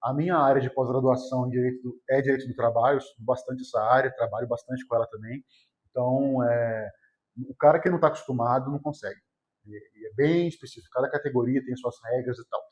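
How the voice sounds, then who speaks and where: A history teacher from São José dos Campos in Brazil's Vale do Paraíba gives a casual exam-prep lecture with a São Paulo state accent, often tossing in short tag questions. His mid-range voice is fast with fairly even intonation, and the audio sounds dull.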